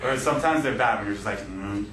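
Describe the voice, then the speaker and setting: A man's voice: fairly low pitch, fast, fairly bright tone. A man teaching algebra to a class, joking and laughing as he quizzes his students. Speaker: math teacher. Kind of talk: classroom lesson. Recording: echoey classroom, distant mic, noisy.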